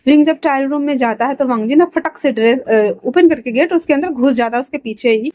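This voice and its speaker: A woman's voice: high voice, brisk, a little mellow, dry recording. A woman narrating a fan story casually, chatty, with fillers and self-corrections, on a dull lo-fi recording.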